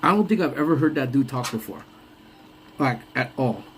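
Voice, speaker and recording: A young man hosts a casual lunch-break live stream, rambling, laughing often and trailing off mid-thought. His voice sounds congested, mid-range and expressive, at a moderate pace, with slight background noise.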